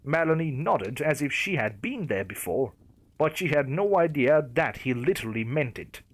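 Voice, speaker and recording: A man's voice: fairly high pitch, big pitch swings, moderate pace. A man narrating a creepypasta story in a wry storytelling manner.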